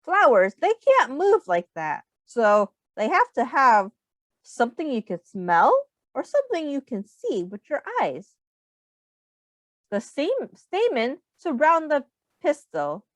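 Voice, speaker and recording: Her pitch is high and swoops wildly as she reads a children's story aloud in a teacher's role. She stops now and then to explain things plainly and ask the young listeners questions, all without any echo.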